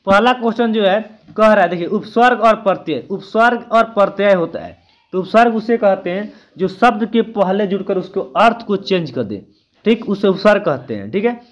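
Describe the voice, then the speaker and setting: A man teaching a casual exam-prep lesson, chatty, thinking aloud and correcting himself as he goes. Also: high-pitched. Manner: chatty, keeps adding "ठीक है" after points.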